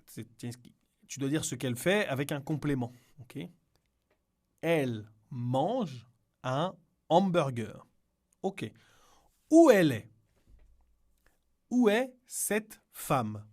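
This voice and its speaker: Patient, lively teacher man. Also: a little high. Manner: patient, repeats words slowly and switches into Spanish to explain. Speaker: French teacher. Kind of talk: slow, clear language lesson.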